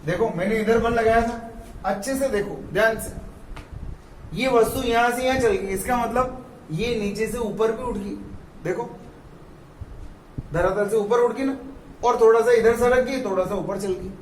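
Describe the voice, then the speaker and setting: A man's voice: high voice, unhurried, pauses often, a little hiss or hum. A male physics teacher from India giving a classroom lecture, coaxing his students and often telling them to look carefully. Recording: roomy echo, mic at a distance.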